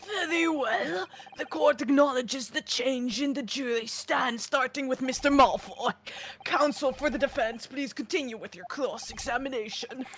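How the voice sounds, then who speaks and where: A woman voicing a stately male judge in a game dub, making measured formal pronouncements over music. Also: high voice, fairly bright tone, a little hiss or hum. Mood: solemn. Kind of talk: fan dub of a visual novel game.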